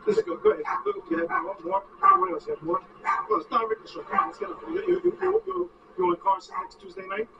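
Male actor: brash, foul-mouthed hustler, fast and gravelly, lo-fi distant sound. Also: very high-pitched, big pitch swings, heavily acted. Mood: excited. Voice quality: profane, pushy and rapid-fire. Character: brash, foul-mouthed man rushing to catch a plane. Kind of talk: indie film acting. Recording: distant, dull, noisy lo-fi recording.

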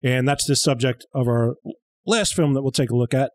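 A man in his thirties with a medium-pitched voice co-hosts a comedic movie commentary show at a normal speed, his humor dry and sarcastic. The small-studio recording, made on a close boom-arm mic, has no echo.

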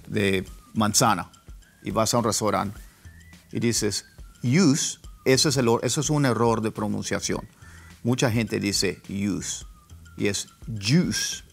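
A man teaching an online pronunciation lesson, repeating words slowly for drill. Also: on the low side, gravelly, soft background music. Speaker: English teacher.

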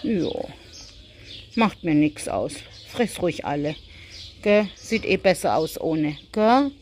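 A woman's voice: low voice, expressive, slow pace, a little mellow. A German woman vlogging casually on a small farm, chatting and cooing at her animals and kids. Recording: faint farmyard noise, chickens.

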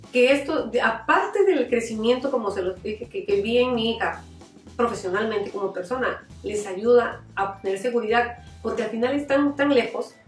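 A middle-aged woman, a mother giving heartfelt, reflective interview testimony with frequent restarts. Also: medium pitch. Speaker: mother of a former camp participant. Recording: echoey room, mic at a distance, faint music.

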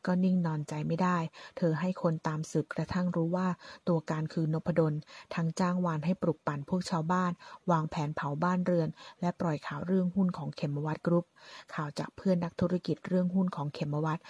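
A woman narrating a drama recap in a steady storytelling way. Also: fairly low pitch, slightly rough, no room sound.

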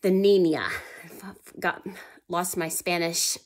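This history reading for young children comes from a woman with a lowish, steady voice who takes it slowly. Suspenseful moments bring her down to a whisper, and she frequently asks questions only to answer them herself.

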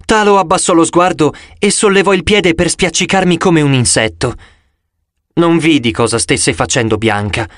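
A man's voice: a little high, normal speed, dry recording, studio quality. Dramatic male audiobook narrator. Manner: dramatic, expressive reading with sudden loud cries.

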